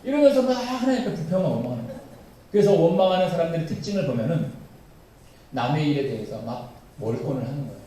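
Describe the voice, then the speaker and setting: A man's voice: on the high side, animated, quick pace, warm tone, a little hiss or hum. A male pastor preaching a sermon, animatedly addressing his congregation. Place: church sanctuary. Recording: very echoey church hall, voice from far off.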